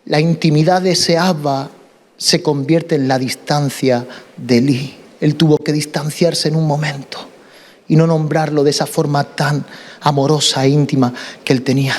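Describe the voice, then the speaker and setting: Pastor guy preaching, passionate, high voice, keeps repeating words. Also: steady tone, moderate pace, a little mellow, long reverb tail. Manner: impassioned, repetitive, with many restarts. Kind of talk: sermon.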